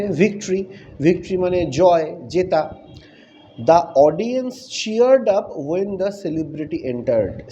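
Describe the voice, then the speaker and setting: A man, teaching a textbook lesson to children step by step and reading English sentences slowly. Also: a little high, dark tone, lo-fi sound, a little hiss or hum. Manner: clears his throat now and then.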